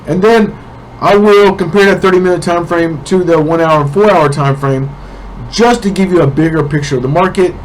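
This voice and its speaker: A man's voice: a little high, moderate pace, a little hiss or hum, poor audio. A man with a cold and a congested voice, giving his weekly forex predictions in a casual way and often checking in with the listener. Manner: casual, keeps checking in with "okay?". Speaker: forex trading analyst. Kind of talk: weekly market prediction talk.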